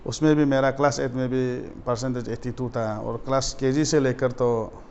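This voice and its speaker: A man from Arunachal Pradesh, a student leader telling stories from his school days in a casual interview, getting animated and loud as he retells his run-ins. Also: medium pitch, moderate pace, a little hiss or hum. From Arunachal Pradesh, India. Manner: animated, rises sharply when retelling confrontations. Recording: slightly dull lo-fi audio.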